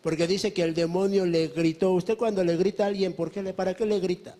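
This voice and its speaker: A man's voice: high-pitched, fairly even intonation, a little fast, mellow. A man with a Mexican accent preaching a sermon as pastor, emphatic and full of rhetorical questions to the congregation. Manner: emphatic preaching, often calling listeners brother.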